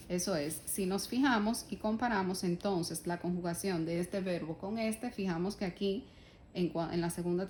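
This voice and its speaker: Speaking in Spanish, a woman walks her class through German grammar one step at a time, calling them "ustedes" and asking rhetorical questions. Her voice sits on the low side with a darkish tone, and there's a little hiss or hum in the recording.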